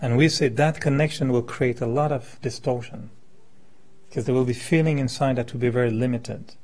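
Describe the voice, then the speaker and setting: A gravelly-voiced meditation teacher in his 50s, French-born and settled in Quebec with French as his first language, gives an informal spiritual talk to a live group. His mid-range voice is darkish, fairly even in intonation and a little fast. He speaks conversationally, illustrating with hypothetical examples and questions.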